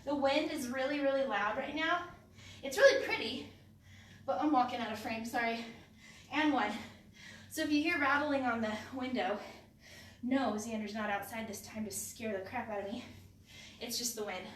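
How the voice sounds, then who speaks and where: A woman's voice: fairly high pitch, moderate pace, long pauses, distant mic, a little hiss or hum. A woman leading a live home workout, upbeat as she cues the moves and counts reps. She sounds sniffly with a runny nose. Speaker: fitness instructor. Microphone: camera mic from a distance. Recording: echoey room, voice away from the mic.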